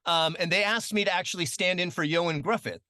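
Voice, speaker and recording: Bright, chatty man telling stories. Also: high-pitched, brisk, no room sound, clean studio sound. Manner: chatty, many fillers, animated when quoting. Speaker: guest. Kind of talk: casual storytelling interview.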